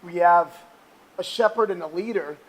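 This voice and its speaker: A man's voice: high-pitched, normal speed, rough recording. A man hosting a casual motivational interview, talking emphatically like a salesman while exercising on a treadmill. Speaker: interview show host.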